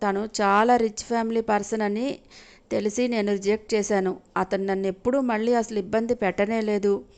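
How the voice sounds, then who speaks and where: A woman's voice: mid-range voice, fairly even intonation, brisk, a little mellow, natural voice. A woman storyteller voicing a wronged young wife who pleads her innocence through tears. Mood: tearful. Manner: sobbing, pleading.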